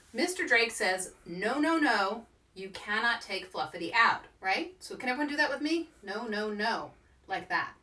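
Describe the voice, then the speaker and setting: Hosting a children's story time, an author with a slightly high voice gives simple, encouraging call-and-response instructions, animatedly repeating action words. The distant microphone picks up a roomy echo.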